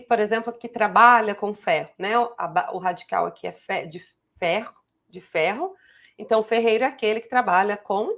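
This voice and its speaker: A woman's voice: medium pitch, fairly bright tone. A Brazilian woman teaches grammar online in a patient, explanatory way. She checks in with her students often as she walks them through each example. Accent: Brazilian Portuguese.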